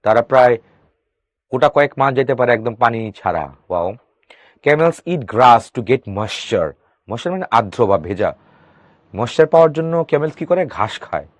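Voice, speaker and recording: A man teaching English for exams, asking his students quick questions and answering them himself. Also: medium pitch, lively intonation, no room sound. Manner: reads English sentences slowly, then explains. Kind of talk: exam-prep grammar lesson.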